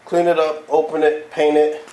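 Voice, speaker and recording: A man with a stuffed-up nose from being sick, hosting a casual do-it-yourself car vlog. He talks in a slow, low-energy way and wings it as he goes. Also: monotone, mellow, poor audio. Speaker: car channel host.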